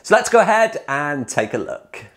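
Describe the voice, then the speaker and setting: A man in his forties, talking straight to camera and pitching his hot tub building plans with upbeat energy. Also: very animated, normal speed, fairly bright tone. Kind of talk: direct-to-camera promo talk.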